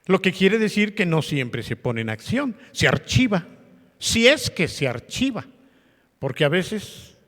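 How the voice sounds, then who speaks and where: A male pastor gives a sermon, talking with his congregation and throwing questions at them. His voice sits a little high for a man. The sound carries a long church-hall reverb. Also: sing-song, unhurried, fairly bright tone. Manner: conversational preaching with rhetorical questions to the congregation.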